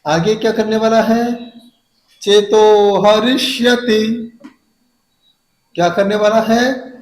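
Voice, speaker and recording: Monk teacher, high voice, unhurried, drawn-out verse syllables with quick asides, echoey room. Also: male voice. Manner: stretches verse syllables slowly, then explains in quick asides. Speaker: Jain monk teaching hymn recitation. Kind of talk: devotional recitation lesson.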